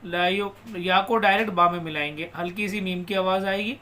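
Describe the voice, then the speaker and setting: A man teaching Quran recitation. He recites slowly and draws out words, then explains quickly and spells out letters and vowel marks. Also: high voice, steady tone, bright, forceful tone, a little hiss or hum. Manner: slow drawn-out recitation alternating with quick explanations. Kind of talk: step-by-step recitation lesson.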